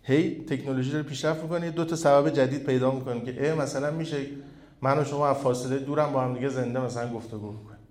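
A male preacher giving a sermon through a microphone, building to loud, fervent peaks and then dropping to a quiet storytelling tone. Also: mid-range voice, fairly even intonation. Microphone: microphone with echo effect. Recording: echoey hall sound.

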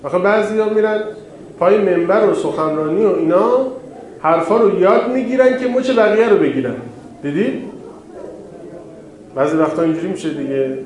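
Male preacher, mellow voice, talks with the congregation, very echoey hall with a faint hum behind. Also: high voice, pauses often. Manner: conversational, rising emphasis on key phrases. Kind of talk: sermon.

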